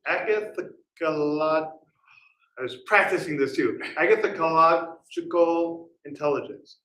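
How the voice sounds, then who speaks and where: A man gives a laid-back conference talk, tossing questions to the crowd and laughing at his own stumbles. His voice sits slightly high. It echoes around a large hall. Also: measured pace, pushed and bright. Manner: chatty, quizzes the audience, laughs at himself. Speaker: conference speaker. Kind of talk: casual conference talk with audience banter. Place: conference room. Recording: echoey hall, voice heard from a distance at times.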